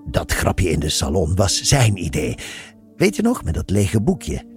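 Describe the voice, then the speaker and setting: A man's voice: low voice, huge pitch swings, measured pace, soft background music, exaggerated voice. A man voicing a playful, patient nun who teases knowingly. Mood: teasing. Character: teasing, patient older nun, woman.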